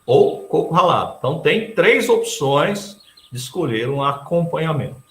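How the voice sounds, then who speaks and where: A man from Brazil delivers a recorded math lesson, working through exam problems one step at a time. His pitch moves a lot, and he keeps turning to the class with quick questioning tags. The room around him rings with a noticeable echo. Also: lively intonation. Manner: explains step by step, tags nearly every sentence with a questioning tag. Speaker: teacher. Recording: echoey room.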